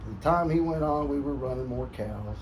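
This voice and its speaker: Middle-aged male cowboy poet, with a cowboy drawl, homespun talk and verse, over clear room noise. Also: mid-range voice, fairly quick. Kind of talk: casual talk and recited cowboy poetry. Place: boot shop, indoors. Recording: noisy shop room ambience.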